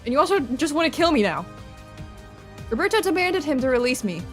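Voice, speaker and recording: A woman hosting a let's play, reading the game aloud with expressive, casual reactions. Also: high-pitched, a little fast. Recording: voice over game music. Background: game music.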